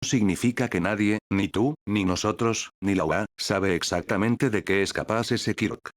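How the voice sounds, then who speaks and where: A man voicing a patient, steady elderly grandfather. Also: on the low side, normal speed, dry recording, lightly acted. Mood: reassuring. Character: calm elderly grandfather, gently reassuring.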